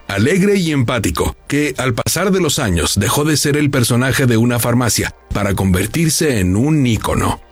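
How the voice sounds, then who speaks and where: Husky male narrator. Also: mid-range voice. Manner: measured, polished delivery. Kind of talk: scripted documentary narration. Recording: voice-over with faint music.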